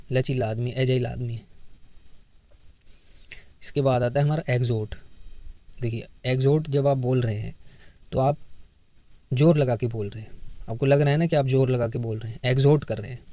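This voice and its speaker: Mellow-voiced man teaching vocabulary. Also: medium pitch, no echo, lo-fi sound. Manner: explains with memory tricks and acted everyday examples. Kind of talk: casual Hindi exam-prep lesson.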